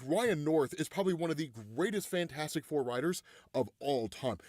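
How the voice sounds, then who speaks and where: A young man hosting a casual comic book commentary, animated and peppering his talk with "right?" and "like". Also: fairly high pitch, no echo, clean studio sound. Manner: animated, uses "right?" and "like" a lot. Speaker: comic book video host.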